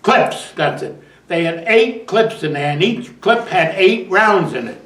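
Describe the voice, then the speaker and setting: A man's voice: high voice, lively intonation, a little slow, fairly bright tone, distant mic. Older man telling war stories in an echoey room. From United States. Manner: rambling storytelling with restarts and chuckles. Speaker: war veteran interviewee. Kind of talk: oral history interview.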